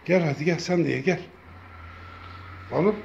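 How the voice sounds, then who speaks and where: A man talking casually to his cats, calling them over and over in a coaxing way and now and then gently scolding them. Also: fairly high pitch, a little slow, creaky, dull audio, slight background noise. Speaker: cat feeder. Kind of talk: casual talk to pets.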